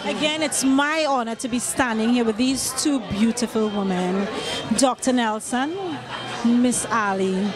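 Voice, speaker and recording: A woman's voice: fairly high pitch, a little slow, over music. A woman hosting on a red carpet, speaking in effusive, gushing red carpet chatter. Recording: busy crowd chatter behind.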